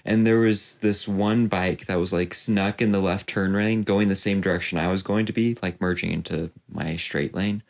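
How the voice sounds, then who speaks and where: A man's voice: deep voice, fairly even intonation, normal speed, creaky, hardly any pauses. A young man, a podcast co-host telling a long story in casual chat, rambling and laughing often. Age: young adult.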